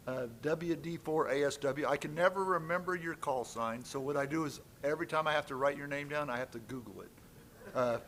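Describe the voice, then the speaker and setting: A man's voice: a little high, fairly bright tone, a little hiss or hum. A man opening a members' meeting at a conference, speaking off the cuff in a friendly, lightly joking way into a stage microphone. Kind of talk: public address at a conference.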